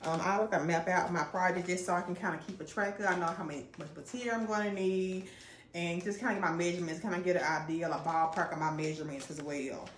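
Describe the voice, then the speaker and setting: A woman's voice: fairly low pitch, fairly even intonation, quick pace, a little hiss or hum. A woman doing a casual DIY how-to vlog, chatting and explaining each step while her voice echoes around a bare bedroom. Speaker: DIY vlogger. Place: bedroom with the bed moved away.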